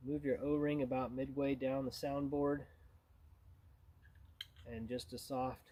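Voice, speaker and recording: A man's voice: mid-range voice, little pitch movement, a little slow, mellow, slight background noise. A man gives an informal tutorial as a hunting instructor, in a plain-spoken, conversational way.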